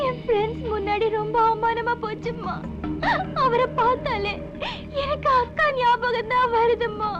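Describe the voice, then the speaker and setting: A woman's voice: very high-pitched, fairly even intonation, a little slow, roomy sound. A tearful young college woman. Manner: tearful, complaining. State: crying. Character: young college woman, grieving her sister, upset. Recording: dull film soundtrack with faint music.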